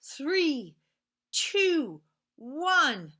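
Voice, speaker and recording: A teacher reads children's storybooks aloud to young kids in a slow, bright, high-sitting voice, animated and sing-song. She sometimes drops to hushed, whispery repeated sound words, talks directly to the children, points out pictures and asks them questions.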